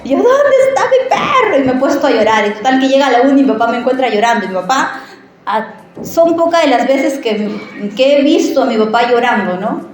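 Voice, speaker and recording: Woman, preacher, high voice, animated conversational sermon, questions to the listeners, church, heavy echo. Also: a little fast. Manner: animated, conversational, often asks the audience questions. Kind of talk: sermon with personal storytelling.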